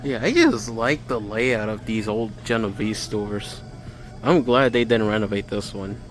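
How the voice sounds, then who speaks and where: A male vlogger gives casual, unscripted commentary while touring retail stores and later heading outside, adding observational and technical asides. His fairly low voice is expressive and measured in pace. It's recorded on a handheld camera with faint store music in the background.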